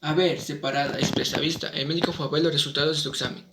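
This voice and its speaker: A man reads out a spelling lesson in a measured way and slows down for the example words. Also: on the high side, fairly even intonation, vocal fry, recorded from a distance, background noise. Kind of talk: reading a spelling lesson aloud. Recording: echoey room, voice off-mic.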